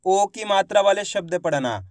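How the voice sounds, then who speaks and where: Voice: mid-range voice, moderate pace, no room sound, studio quality. A reading teacher giving an online lesson, sounding out each syllable and then blending the word, encouraging viewers as friends.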